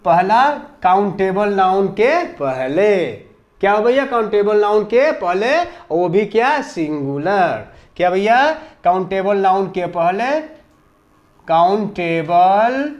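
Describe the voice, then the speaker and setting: Hindi-accented guy teaching grammar, high voice, slow and repetitive. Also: dull audio. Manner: call-and-response drilling, repeats questions to pupils. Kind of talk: classroom lesson. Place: classroom.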